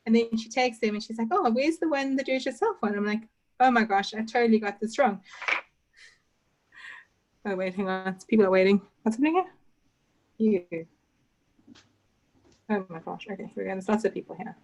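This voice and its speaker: A woman's voice: medium pitch, fairly even intonation, moderate pace, long pauses, a little mellow, low-quality recording. A young woman teaching an online baking class, chatting casually and a bit scattered, with lots of "like". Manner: chatty, scattered, says "like" often. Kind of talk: casual chat while teaching a video-call class. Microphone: computer mic on a video call.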